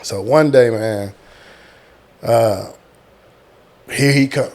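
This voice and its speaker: Man, middle-aged, mid-pitched voice, casual storyteller, animated delivery, emphatic repetition. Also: drawn-out words. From small-town Texas, United States. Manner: animated retelling, acting out quotes, repeating words for emphasis. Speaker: guest, military veteran.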